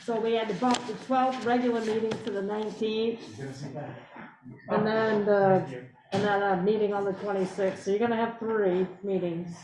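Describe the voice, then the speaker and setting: A woman's voice: mid-range voice, little pitch movement, normal speed, a crowd in the background. A woman on the town staff casually explains the meeting schedule to a board. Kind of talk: informal meeting update. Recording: echoey room with background noise.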